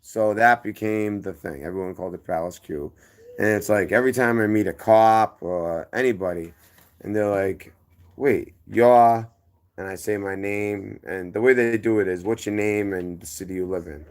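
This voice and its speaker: His voice is on the low side, clear and resonant, at a normal pace. A man with a strong Boston accent from the city's inner neighborhoods, he tells his story as a guest in casual, rambling fashion, drifting into tangents, circling back, and correcting himself.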